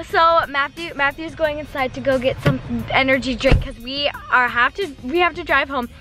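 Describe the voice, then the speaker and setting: A teenage girl vlogging casually into a handheld phone camera, bubbly and excitable. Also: high-pitched, normal speed, music in the background. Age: teens. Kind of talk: casual vlog. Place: car interior.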